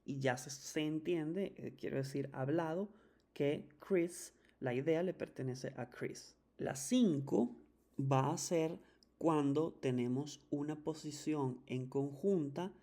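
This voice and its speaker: Patient teacher, grammar lesson, mellow warm tone, drawn-out examples. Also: medium pitch. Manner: patient, repeats each rule and drawls out example words. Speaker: English teacher. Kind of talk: grammar lesson explained in Spanish.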